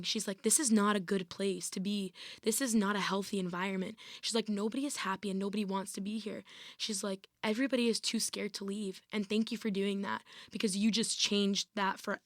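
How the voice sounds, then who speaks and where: On an interview podcast, a twenty-something varsity athlete shares her experiences casually, leaning heavily on "like" and "I was like". She talks briskly in a medium pitch with fairly even intonation, and the recording is dry and clean, studio-grade.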